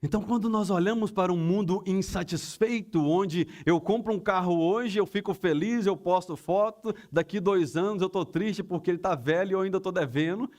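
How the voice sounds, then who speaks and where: A middle-aged man preaching a sermon as pastor, conversational, acting out everyday dialogues in quick asides. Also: sits high, darkish tone.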